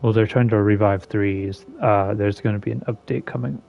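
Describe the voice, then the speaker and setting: A man's voice: normal speed, creaky, highs cut off. A man ranting sarcastically about a game while playing it, in an exasperated, casual commentary style. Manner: exasperated and sarcastic, with lively swings in pitch and loudness. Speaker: gaming content creator.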